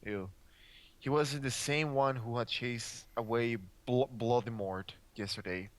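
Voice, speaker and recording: A young man reads aloud in a deadpan, exasperated tone, stumbling through the text on purpose. His voice sits at an ordinary male pitch. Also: slow pace. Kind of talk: mocking dramatic reading.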